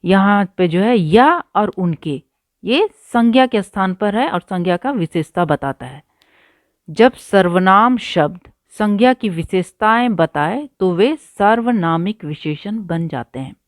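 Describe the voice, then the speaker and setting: A woman's voice: mid-range voice, expressive, measured pace, no echo, clean studio sound. A woman teaching a textbook lesson, going word by word and repeating terms patiently for her pupils. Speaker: Hindi teacher.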